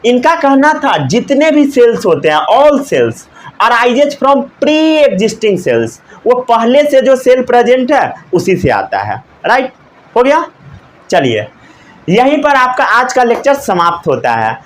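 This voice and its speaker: A young man teaching a class, asking questions, repeating the answers and dictating key lines slowly word by word. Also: very high-pitched, wildly swooping pitch. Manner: asks students questions, repeats answers, mixes English terms. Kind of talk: classroom lecture.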